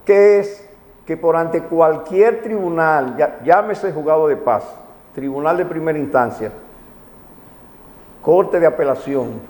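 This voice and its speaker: A man's voice: a little high, a little slow, long pauses, a little mellow. A man with a Caribbean Spanish accent from the Dominican Republic explains legal matters didactically on a television programme, repeating his key points. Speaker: magistrate, legal commentator on a TV programme. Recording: reverberant hall-like sound.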